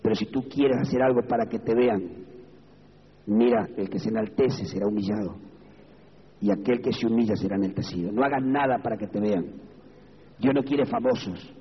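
A man with an Argentine Spanish accent preaching an evangelical sermon as pastor, moving from low, measured speech to high, fervent exclamations. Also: slightly rough. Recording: reverberant hall, dull lo-fi sound, faint background noise.

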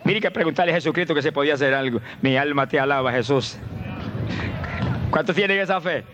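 A man preaching a fervent sermon, swinging from low murmurs to high shouted praise. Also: fairly quick, noisy background.

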